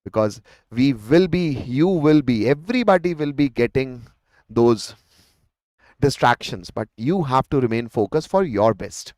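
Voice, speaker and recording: Indian guy teacher doing live exam revision, encouraging, bit of hindi mixed in, mid pitch, dry sound. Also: expressive, unhurried, a little mellow, no echo. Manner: encouraging, coaching, often addresses students directly; mixes Hindi words into English. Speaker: chemistry teacher.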